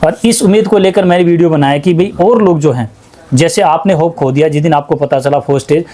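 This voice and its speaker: Earnest, emphatic man with a mellow voice. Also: a little high, fast. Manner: emphatic, repetitive insistence. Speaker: ayurvedic practitioner. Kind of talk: earnest testimonial talk. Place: small clinic.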